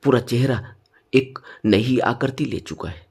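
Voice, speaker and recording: A man teaching meditation in a spoken dharma talk, stressing points with sudden rises and then dropping low. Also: a little slow, a little mellow, slightly rough.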